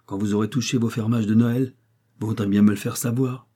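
An imperturbable, stiff provincial notary speaks in formal, measured phrases, as a man reads him. The voice is dark and husky, part of a spoken storybook. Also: fairly low pitch, steady tone. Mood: composed. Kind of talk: audiobook character voice.

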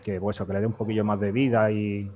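A man casually walking through his music software setup, explaining step by step, with frequent fillers and restarts. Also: on the low side, little pitch movement, fast, phone-quality sound, a little hiss or hum. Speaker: guest music producer. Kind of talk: casual demo walkthrough.

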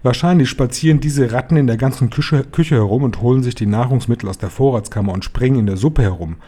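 A man's voice: medium pitch, fast talker, mellow, natural voice. A man voicing a feisty old grandmother who scolds a hotel manager relentlessly, in a raised, indignant voice. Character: stern, feisty old grandmother, sharp-tongued.

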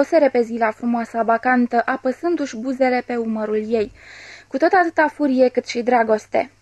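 A woman reading a classic novel aloud as an audiobook narrator, measured and expressive, voicing the dialogue. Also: fairly high pitch, no echo. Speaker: audiobook reader.

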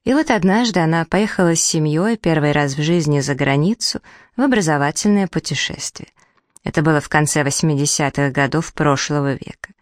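A woman narrates a story in a gentle, unhurried audiobook style. Her voice sits low. The recording is close and dry, with no room around it. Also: dry recording. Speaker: reader.

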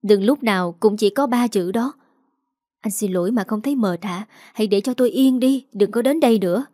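A woman's voice: mid-range voice, a little fast, mellow, no echo, studio quality, natural voice. A woman voicing a cold, curt pregnant young woman turning her husband away.

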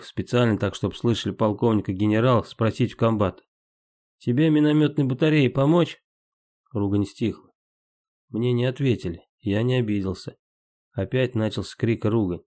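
A man's voice: lowish voice, dark tone. A man reading a first-person war memoir aloud in terse, matter-of-fact, clipped sentences.

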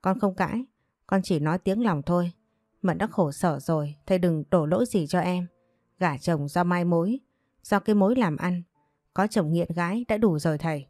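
Stubborn young son, calm and firm, low mellow voice, read by a woman. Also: moderate pace, no echo, soft background music.

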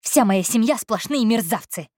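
Picture a spoiled young heiress, shrill and indignant, whose voice climbs high and tight as she demands money. A woman reads her in an audiobook, recorded close and dry, with no room sound. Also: animated, moderate pace, a little mellow, no room sound. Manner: high, strained, raising her voice. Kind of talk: audiobook character voice.

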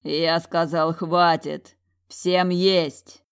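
A stern, commanding dragon general, read by a woman in a storybook reading. His lines stay calm and measured, in her own fairly low voice. He gives orders as if no one would question them.

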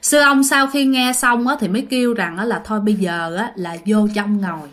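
A woman's voice: mid-range voice, fairly quick, a bit bright. A young woman telling a ghost story in a casual, chatty way, often speaking straight to her listeners. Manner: chatty, addresses listeners directly.

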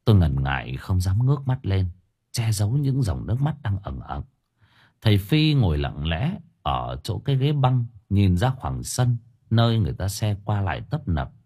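Husky, expressive male audiobook narrator. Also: lowish voice, moderate pace. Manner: expressive storytelling. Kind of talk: scripted narration.

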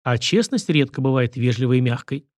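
A man reading the lines of a calm, ironic young man in an audiobook, dry in manner. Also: mid-range voice, fairly quick, no echo, natural voice.

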